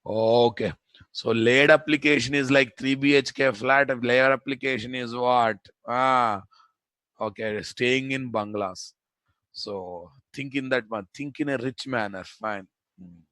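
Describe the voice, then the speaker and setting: Casting: male Indian tech teacher, Telugu accent, slow pace, dry close sound, repetitive and informal classroom delivery. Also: mid-range voice, a bit bright, no echo. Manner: repeats phrases for emphasis, informal bantering. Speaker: programming instructor. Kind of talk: live classroom lecture with repeated questions to students.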